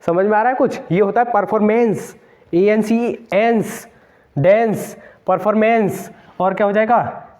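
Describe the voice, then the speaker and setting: In an exam-prep grammar lesson, a man teaches English for competitive tests, stressing his points, repeating words, and spelling them letter by letter. His voice is high with a darkish tone, and he keeps a moderate pace.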